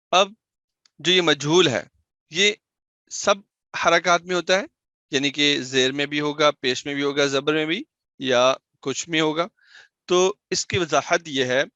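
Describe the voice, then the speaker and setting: A man's voice: fairly high pitch, sharp tone, no room sound. A man teaching Quran recitation in a recorded lesson, explaining patiently, asking questions and answering them himself, and sounding out example syllables.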